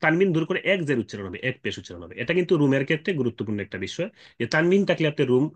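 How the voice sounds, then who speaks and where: A man's voice: a little high, very animated. Man patiently teaching Quran recitation. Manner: explains patiently with frequent fillers and checking questions; slow drawn-out chanted Quranic recitation examples. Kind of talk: explanatory tajweed lesson.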